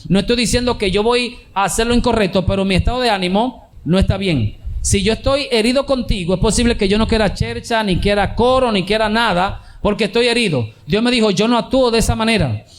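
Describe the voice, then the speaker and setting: Male pastor, fairly high voice, emphatic repetitive sermon delivery with rhetorical questions. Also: brisk, slight background noise.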